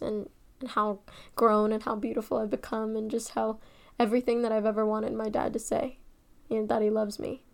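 A young woman telling a personal family story, emotional and shifting between hushed and excited. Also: a little high, creaky. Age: young adult.

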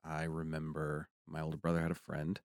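A man co-hosting a casual conversation, telling a personal story animatedly, with excited peaks. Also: very deep voice, a little fast, clear, resonant tone, no echo, clean studio sound.

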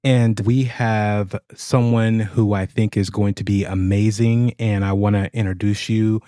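A man's voice: fairly low pitch, level tone, unhurried, mellow, no echo, clean studio sound. A man hosting a podcast in a casual, chatty style. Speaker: podcast host. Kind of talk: casual chat.

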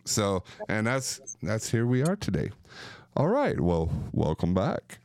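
Joking low-voiced male podcast host. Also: wildly swooping pitch, takes it slowly, a little mellow, dry recording. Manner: joking, playful, with mock voices. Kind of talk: lively casual chat.

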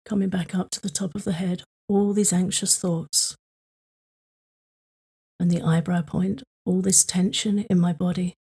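Soft, breathy woman guiding calm tapping. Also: fairly low pitch. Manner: slow, soothing, repetitive prompts. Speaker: tapping guide. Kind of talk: guided tapping meditation for sleep.

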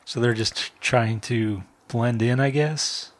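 A man on a film review podcast adds short, laid-back explanations to the conversation. His voice sits at an ordinary middle pitch, and he talks in a relaxed, conversational way. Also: takes it slowly. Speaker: podcast co-host. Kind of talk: casual film review chat.

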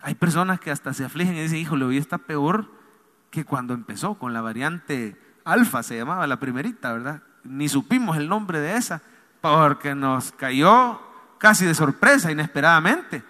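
A man's voice: on the high side, lively intonation, moderate pace, sharp tone. A man, a pastor preaching a sermon with call-and-response, pleading and emphatic, in a church hall. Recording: long hall reverb.

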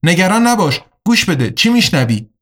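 A woman's voice: lowish voice, big pitch swings. A man doing a determined young woman. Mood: earnest.

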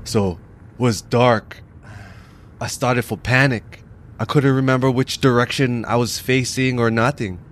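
A man voicing an excitable young local man with a Hawaiian Pidgin accent in an audio story, with slangy, pidgin-tinged delivery. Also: medium pitch, measured pace, close to an everyday voice. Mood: spooked.

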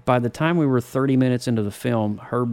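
A man co-hosting a casual movie podcast, rambling with many restarts and quick laughs. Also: mid-range voice, a little mellow. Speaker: podcast co-host, film reviewer. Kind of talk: casual chat.

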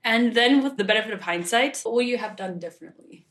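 A woman interviewing a researcher, asking measured questions and adding brief backchannel replies. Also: a little high, fairly bright tone.

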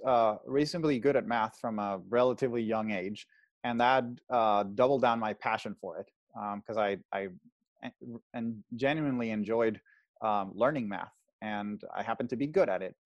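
A man's voice: mid-range voice, dry recording. A man in his thirties from Venezuela, a guest telling his story on a video call from home, hesitant with many fillers. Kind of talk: casual interview storytelling. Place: home, indoors.

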